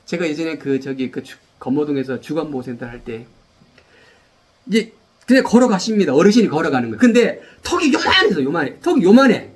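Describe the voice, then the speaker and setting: A man preaching a sermon as pastor, animated, repeating phrases and leading the congregation in call-and-response. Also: on the high side, fairly quick, slight background noise.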